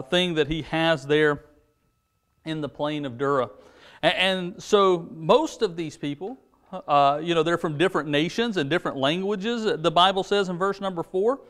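An American man with a high, light voice teaches a children's church class. He retells a Bible story casually, slipping into quick paraphrased voices for the characters. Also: fairly bright tone.

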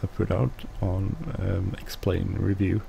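A man whose first language is Swedish, speaking English with a Swedish accent as he hosts casual gameplay commentary, mumbling and halting with many restarts. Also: sits low, monotone, gravelly, mellow, a little hiss or hum, low-quality recording. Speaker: let's play host.

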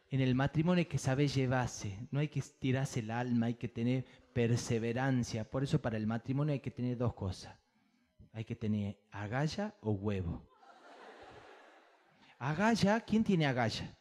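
A man's voice: mid-range voice, lively intonation, measured pace. A man doing live stand-up on a theater stage, telling bawdy stories into a stage microphone with a punchy rhythm. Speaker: stand-up comedian.

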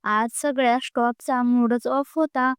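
Woman reading as young female bank clerk, sulky and slow, high smooth tone. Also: fairly even intonation, no room sound, studio quality.

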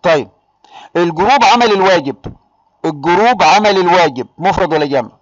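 Lively high-voiced Egyptian teacher. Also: male voice, fairly quick, dry recording, highs cut off. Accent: Egyptian Arabic. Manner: lively, addresses students by name. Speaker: English teacher. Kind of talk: online exam-prep lesson.

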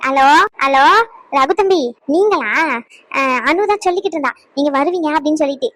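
A woman's voice: sits high, brisk, lightly acted. A woman voicing an anxious middle-aged mother in a cartoon, talking in a fretful, confiding way. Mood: worried. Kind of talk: cartoon voice acting.

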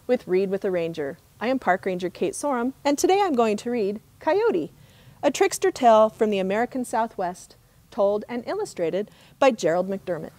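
A middle-aged woman, a park ranger, reading a trickster tale as expressive, measured storybook narration outdoors. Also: mid-range voice, no room sound. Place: outdoors in open desert.

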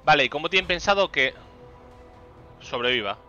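A man's voice: a little high, expressive, normal speed, pushed and bright, lo-fi sound, soft background music. A young man with a Spain Spanish accent, chatting animatedly on a live game stream, telling an exasperated story and swearing often. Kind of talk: casual live-stream chat while gaming.

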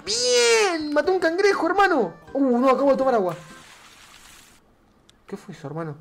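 A man's voice: extremely high pitch, moderate pace, creaky. Argentine guy doing let's play commentary, voice jumps all over, swears and shrieks, faint music behind. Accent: Argentine Rioplatense Spanish. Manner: excitable, swears a lot, shrieks at scares. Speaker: gamer.

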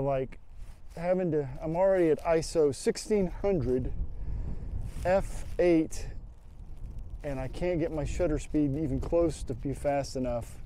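On a windy open hilltop, a landscape photographer in his fifties talks through his camera settings on a lapel mic in a medium-pitched voice. He is relaxed, thinking aloud with fillers and restarts.

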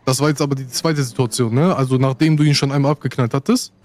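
A man mediating a game dispute, asking questions and trying to calm things down. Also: mid-range voice, quick pace.

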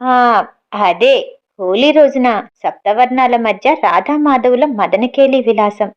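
A playful young man teases his sweetheart down the phone in this audiobook novel, as a woman reads him in her own fairly high voice. His talk is affectionate and mischievous. The audio sounds dull and lo-fi. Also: slow, a little mellow. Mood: teasing. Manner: teasing and affectionate.

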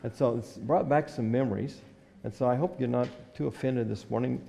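A man's voice: mid-range voice, brisk, vocal fry, mellow, big-room sound, slight background noise. An older man preaching a sermon from a church pulpit in an earnest, old-fashioned way, reading scripture aloud. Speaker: pastor. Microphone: stand microphone at the pulpit.

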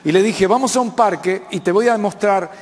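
Argentine male pastor, 50s, high voice, call-and-response sermon, long church-hall reverb. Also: fairly quick. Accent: Argentine Spanish. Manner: preaching with call-and-response questions to the congregation.

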